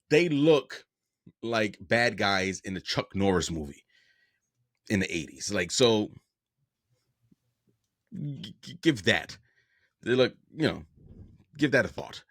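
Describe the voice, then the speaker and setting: A man's voice: fairly low pitch, dry recording, studio quality. A middle-aged man hosting a comedy podcast, telling a story in a rambling, profane way with lots of restarts and stammers. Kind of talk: casual storytelling monologue.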